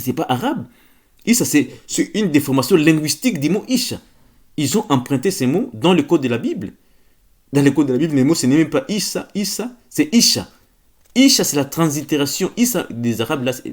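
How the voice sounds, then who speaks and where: A man's voice: on the high side, lively intonation, fairly quick, darkish tone. A man giving an informal spoken lecture, hesitant, often repeating words and checking that listeners follow. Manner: insistent, stresses key words. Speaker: religious lecturer.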